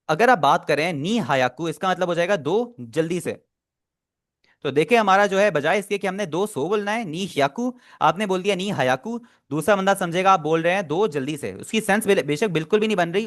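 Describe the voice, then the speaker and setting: A man's voice: fairly high pitch, fairly bright tone. A man teaching an online language class, patiently repeating and explaining pronunciation step by step.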